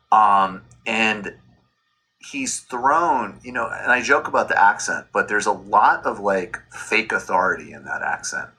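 A man who hosts a political show, talking over a clip of his own TV debate and arguing forcefully, interrupting his opponent. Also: fairly low pitch, husky. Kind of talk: political commentary and heated debate.

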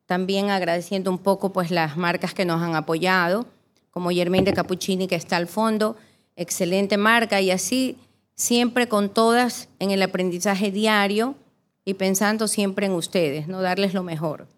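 A woman's voice: mid-range voice, steady tone, moderate pace. A middle-aged woman who founded a spa, casually recalling her early years and thanking her clients. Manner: warm reminiscing, grateful.

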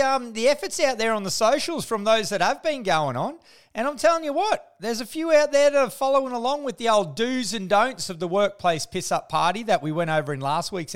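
An Australian man hosting a casual comedic podcast with slangy, sweary, blokey tradesman banter. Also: high-pitched. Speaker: podcast host.

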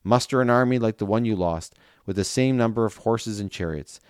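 A man reading the lines of scheming male royal advisors in a brisk, persuasive way. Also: lowish voice, clean tone, dry recording, clean studio sound, natural voice.

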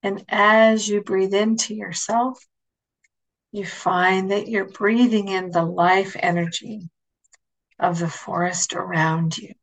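Poor audio carries this slow, soothing session from a female relaxation instructor. Her medium-pitched voice holds a steady tone as she leads guided imagery softly, letting phrases drift down into a breathy near-whisper.

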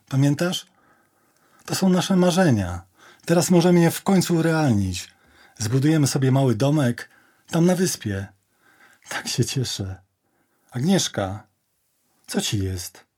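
A man voicing a pleading, possessive young woman in an audio drama, coaxing and insistent, sometimes sinking to a soft intimate hush. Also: medium pitch.

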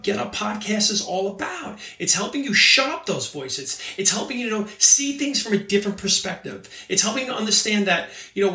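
Animated man in his forties, echoey. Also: high-pitched, distant mic. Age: 40s. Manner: energetic, emphatic, repeats phrases for emphasis. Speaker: podcast host. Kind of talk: motivational podcast monologue. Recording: echoey room, voice off-mic.

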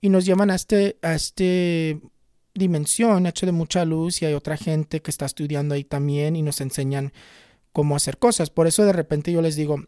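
A young man in his twenties speaks in a mellow, warm tone, telling a personal story to camera as a spiritual healer. He is earnest and unhurried, often circling back and repeating words. The recording is dry and close, with no room echo. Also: fairly high pitch, fairly even intonation, smooth. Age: 20s. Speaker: tarot reader and spiritual healer.

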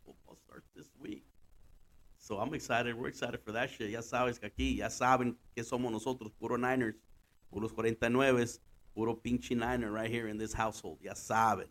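A man's voice: medium pitch, level tone, a little fast, a bit bright. A man hosting a casual solo podcast in loose, slangy talk, repeating phrases for emphasis and swearing freely. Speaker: podcast host.

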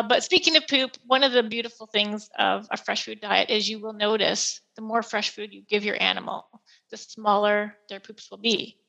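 A woman's voice: medium pitch, vocal fry, pushed and bright, poor audio. A woman hosting a podcast, explaining in a chatty, plain-spoken way as a pet store expert. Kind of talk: casual explanatory podcast chat.

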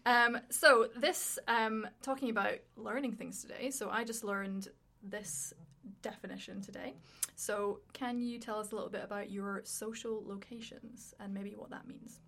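A woman's voice: mid-range voice, steady tone, normal speed, fairly bright tone. Woman, podcast co-host, casual chat, many fillers, asks questions, laughs often.

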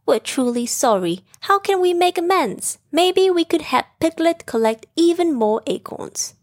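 A woman doing a squeaky, sorry little squirrel. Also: lively intonation, a little slow, no echo, studio quality. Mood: apologetic. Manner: squeaky and polite. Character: small apologetic male squirrel leader.

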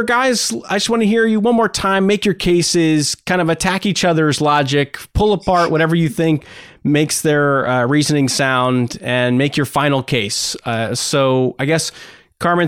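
A man's voice: on the high side, normal speed, fairly bright tone, clean tone, no echo, studio quality. A man hosting and moderating a casual comedy podcast in an easygoing, loose way.

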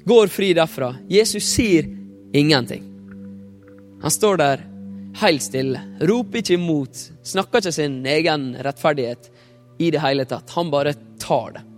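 High-voiced man preaching in a hall. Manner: vivid storyteller, acts out quotes. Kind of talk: sermon retelling a story. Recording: long reverb, faint music.

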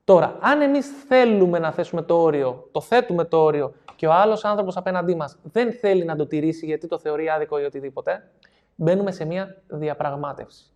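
A man's voice: fairly high pitch, a little mellow, dull audio. Male coach giving a seminar talk: explanatory, repeats key points, checks understanding. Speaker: NLP coach.

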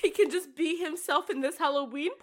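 A woman's voice: high-pitched, a little fast. A woman co-hosting a casual movie chat, talking in a chatty, giggly way with lots of fillers. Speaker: podcast co-host.

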